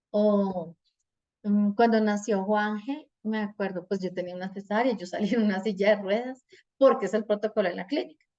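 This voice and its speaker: A woman's voice: medium pitch, lo-fi sound. A middle-aged woman teaching a parenting class, telling family stories and often checking in with "¿cierto?". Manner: animated, asks "¿cierto?" often.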